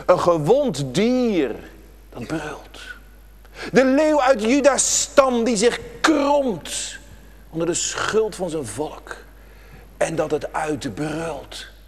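Male pastor, sermon delivery, lively sing-song swings from emphatic to hushed, long church reverb. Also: high-pitched. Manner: dramatic, swinging from raised emphasis to hushed near-whispers.

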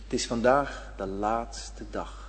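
A man preaching a sermon with great passion, dropping to a hush and then rising to a shout. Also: medium pitch, takes it slowly, slight background noise. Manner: impassioned preaching, swinging between hushed and shouted. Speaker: pastor. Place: church. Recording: church hall reverb.

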